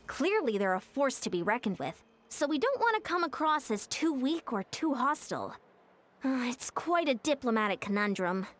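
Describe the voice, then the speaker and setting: A woman voicing an earnest, formal young woman war leader in a game, polite and measured. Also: high-pitched, big pitch swings. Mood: concerned. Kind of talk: game voice acting.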